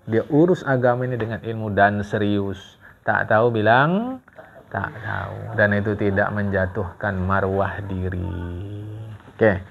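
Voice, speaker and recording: A male religious teacher, giving a study-circle sermon and quizzing listeners with rhetorical questions. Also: on the low side. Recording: dull lo-fi recording.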